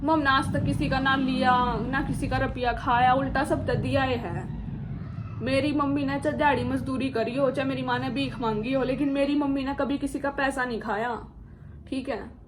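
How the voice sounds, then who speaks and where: High-voiced Haryanvi young woman vlogging. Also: fairly even intonation, normal speed, background noise. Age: young adult. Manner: earnest, appealing to viewers. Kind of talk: personal story monologue.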